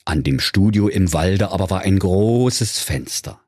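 Low husky guy telling a funny fairy tale, ironic, dry close sound. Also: lively intonation, a little slow, a little mellow, no room sound. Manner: ironic, playful. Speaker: storyteller. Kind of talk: comic fairy-tale narration.

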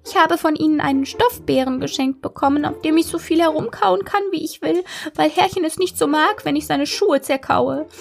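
A woman's voice: sits high, normal speed, vocal fry, soft background music, pitched above the performer's own voice. A woman voicing a young female golden retriever puppy who sniffles and talks plaintively in a children's storybook. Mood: tearful.

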